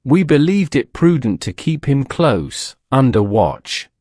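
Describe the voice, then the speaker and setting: A man's voice: medium pitch, big pitch swings, takes it slowly, a little mellow, dry recording, studio quality. A man voicing a dutiful police inspector who speaks formally and deferentially.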